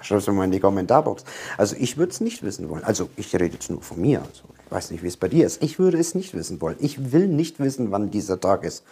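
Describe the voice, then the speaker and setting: A man's voice: lowish voice, sing-song, fast talker, gravelly, mellow, slightly rough, faint music behind. A man giving a motivational self-help monologue, talking earnestly and directly to the viewer and repeating his points. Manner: earnest, repetitive, speaks straight to the viewer.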